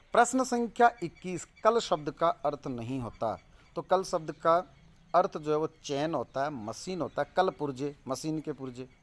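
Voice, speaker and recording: A man explaining an exam answer key as a coaching teacher, in an emphatic, repetitive teaching manner. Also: a little high.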